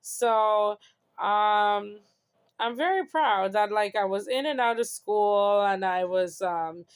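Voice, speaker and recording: A woman's voice: medium pitch, slow, clear, resonant tone. A young woman from Canada, hosting her own show in an earnest, rambling personal monologue. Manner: earnest, reflective, rambling with many "you know"s. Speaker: host.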